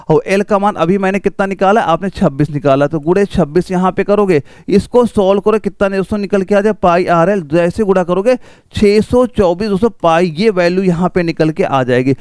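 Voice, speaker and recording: A man's voice: sits high, clear, resonant tone, no room sound. A man teaching an exam-prep math lesson, walking students through each step with repeated rhetorical questions.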